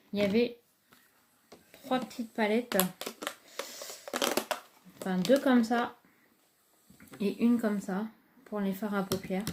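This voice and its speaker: A woman's voice: medium pitch, noisy background. A woman, casually reviewing makeup palettes in a chatty, hesitant way with many fillers. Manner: enthusiastic about products. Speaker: beauty vlogger.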